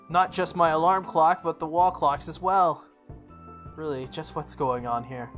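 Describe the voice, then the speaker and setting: With music playing under the voice, a host of a video game playthrough reads a visual novel aloud and breaks into informal, exclamatory asides. The voice has a medium pitch and sounds a bit bright.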